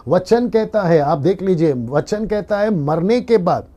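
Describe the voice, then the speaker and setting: Pastor, male, mellow dark tone, live-stream sermon, earnest teacher. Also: sits high, lively intonation, measured pace, highs cut off. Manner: earnest teaching, repeats key lines, quotes scripture.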